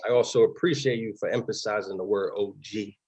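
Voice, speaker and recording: A man's voice: fairly low pitch, brisk, darkish tone, breathy edge. A man appearing as a guest on a talk show, speaking in a confident, boastful press-conference manner.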